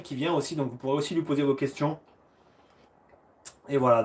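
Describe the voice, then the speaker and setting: A man hosting a casual live Q&A stream as a karate coach, chatting in a friendly way and greeting viewers by name. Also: medium pitch. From France. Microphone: phone.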